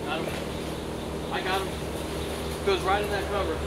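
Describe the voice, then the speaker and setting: Outdoors on a riverbank, a young fishing vlogger with a high voice talks to the camera in a steady tone at a moderate pace. His casual vlog covers the baits he's using, peppered with fillers, and his clip-on lapel mic picks up outdoor noise behind him.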